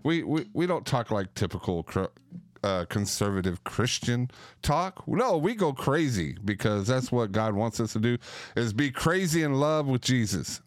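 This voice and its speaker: A man's voice: mid-range voice, big pitch swings, normal speed, no room sound, clean studio sound. A man hosting a casual talk show, joking and playful, often slipping into mock voices. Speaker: podcast host. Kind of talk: lively casual chat.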